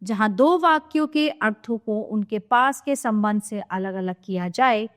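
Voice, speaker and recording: A woman teacher giving a scripted grammar lesson to children, explaining clearly and steadily. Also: mid-range voice, unhurried.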